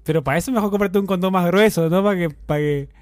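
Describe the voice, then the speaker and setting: A man's voice: sits high, fast, no echo. A man co-hosting a casual chat, teasing and quizzing his partner with short interjections. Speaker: podcast co-host.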